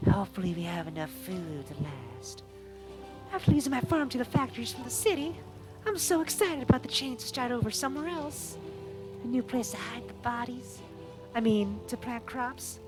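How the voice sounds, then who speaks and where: A man's voice: very high voice, pitched above the performer's own voice. A man voicing a cheerful farm woman whose sweet small talk keeps slipping into creepy hints of hunger. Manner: sweet, then sinister asides. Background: background music.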